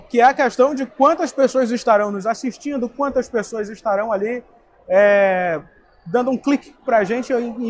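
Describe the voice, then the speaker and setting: A man's voice: very high-pitched, slight background noise. A young man, interviewing a guest at a trade fair booth on a lapel mic. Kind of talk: event interview.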